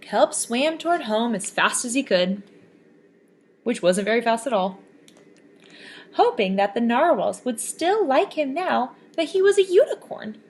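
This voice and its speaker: A woman reading a children's picture book aloud with expressive, animated storytelling. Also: a little high, measured pace, slightly rough. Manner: expressive, lively storybook voices.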